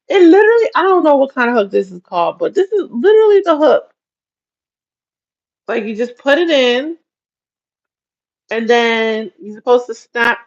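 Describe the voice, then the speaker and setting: Woman rambling live on stream, laughs a lot, kinda dull lo-fi sound. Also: on the high side. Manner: chatty, rambling, laughs often. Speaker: livestream host. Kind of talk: casual livestream chat.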